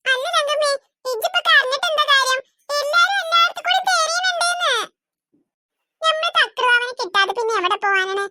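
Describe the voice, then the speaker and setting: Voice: very high voice, expressive, a little fast, sharp tone, no room sound, full character voice. A performer voicing a cartoon village woman who coaxes and reassures her friend. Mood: coaxing. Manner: coaxing, reassuring.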